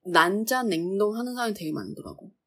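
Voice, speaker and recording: A woman's voice: mid-range voice, expressive, a little fast, fairly bright tone, slightly rough. A young woman co-hosting a podcast in casual chat, talkative, laughing now and then and musing aloud. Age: young adult. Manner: chatty, laughs often, muses aloud. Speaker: podcast co-host.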